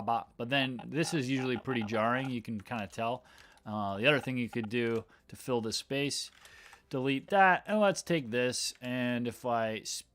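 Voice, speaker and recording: A man talks casually into a desk microphone as he edits video on a livestream. His voice sits at an ordinary middle pitch. He thinks aloud, often trailing off and restarting his sentences. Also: a bit bright. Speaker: video editor. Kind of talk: casual livestream talk while editing.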